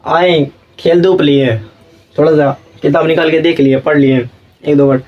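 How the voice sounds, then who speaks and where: A man's voice: a little high, steady tone, measured pace, muffled recording, slight background noise. A young man teaching a school class, lecturing as he goes and checking again and again that his students follow, sometimes acting out the children and parents he talks about. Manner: asks "samjhe?" after nearly every point.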